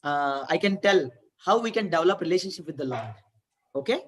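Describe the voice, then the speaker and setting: A man's voice: fairly high pitch, animated, brisk, fairly bright tone, slightly rough, distant mic. A man with an Indian English accent teaching a Gita class to children online, explaining patiently and having them repeat verses.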